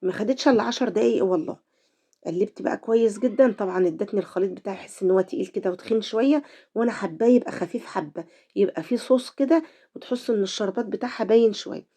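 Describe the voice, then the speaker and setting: A middle-aged Egyptian woman talks quickly through a home cooking tutorial, speaking straight to her viewers. Her tone is dark and mellow, and her voice is a little dulled by a cold. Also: mid-range voice. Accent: Egyptian Arabic. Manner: chatty, talks to viewers directly. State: voice affected by a cold. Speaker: cooking channel host.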